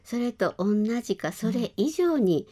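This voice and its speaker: 丁寧に話す女性の塾講師. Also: female voice, a little high, big pitch swings, a little slow, mellow, breathy edge. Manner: polite, formal. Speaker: cram school teacher, guest. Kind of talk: radio talk segment.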